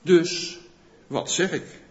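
A man preaching a sermon in a conversational way, often asking the congregation questions and checking in with a quick "yes?". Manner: rhetorical questions to the listeners. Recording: long church reverb, dull lo-fi sound.

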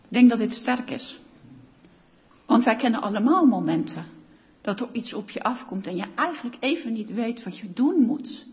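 A woman's voice: on the high side, expressive, moderate pace, a little mellow. A woman preaching a sermon, speaking emphatically and repeating phrases for effect. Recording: dull lo-fi sound with long hall reverb.

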